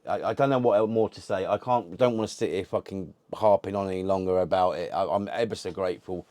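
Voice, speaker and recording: A man's voice: sits low, fast, mellow, dry recording. A man hosting a retro gaming channel, chatting casually to camera in a rambling way, swearing constantly and restarting sentences. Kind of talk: casual unboxing chat to camera.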